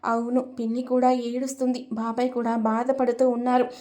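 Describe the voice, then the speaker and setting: A woman narrator puts on a weeping young woman from a storybook, innocent and quick to blame herself. Her voice sits slightly high and stays in a narrow band, tearful and pleading. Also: flat delivery, warm tone, natural voice.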